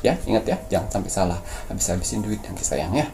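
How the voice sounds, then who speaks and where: A man's voice: sits low, fast, gravelly, warm tone, a little hiss or hum. A man speaking as a spiritual medium, giving preachy mystical advice and coaching his listeners. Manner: preachy, coaching tone, addresses viewers as "sayang".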